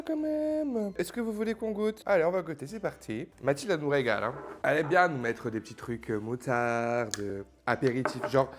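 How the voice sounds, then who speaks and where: A man chatting casually to his viewers in a joking, playful way while unboxing gifts. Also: a little high. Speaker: youtuber opening advent calendars. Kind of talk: casual vlog chat to viewers.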